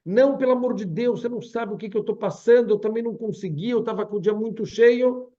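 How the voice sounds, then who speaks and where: A desperate man begging a stranger for money, pleading and anxious, as a teacher acts him out in a parable. The voice sits a bit high and mellow, and the audio is muffled and lo-fi. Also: fast, natural voice. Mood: excusing. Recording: dull lo-fi video call audio.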